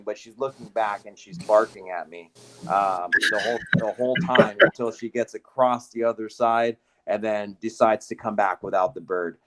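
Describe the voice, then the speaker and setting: A man, a dog trainer, telling field training stories in a relaxed, rambling way with many fillers and restarts. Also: fairly low pitch. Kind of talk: casual podcast storytelling.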